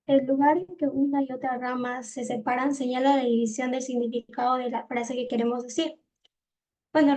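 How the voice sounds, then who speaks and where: A woman's voice: high voice, mellow. A young woman giving her part of a class presentation, reading steadily. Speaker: student presenter.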